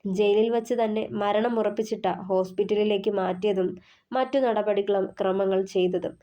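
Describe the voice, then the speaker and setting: A woman's voice: medium pitch, fairly even intonation, normal speed, dark tone, dull audio, natural voice. A woman reading the part of a wry young male friend with a teasing, sardonic manner.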